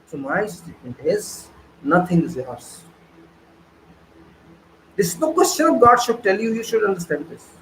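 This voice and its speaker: A man's voice: high voice, sing-song, moderate pace, long pauses, fairly bright tone, reverberant, a little hiss or hum, low-quality recording. A man giving an online engineering lecture, preaching emphatically with rhetorical questions and repeated phrases.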